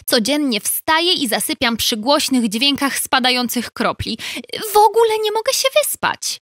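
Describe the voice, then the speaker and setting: A woman's voice: high-pitched, lively intonation, normal speed, a bit bright, no room sound, studio quality, pitched above the performer's own voice. A woman voicing a young female beaver in a children's story, exclaiming and lamenting in a raised voice. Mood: weary. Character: young female beaver, homely and easily upset. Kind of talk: storybook character voice.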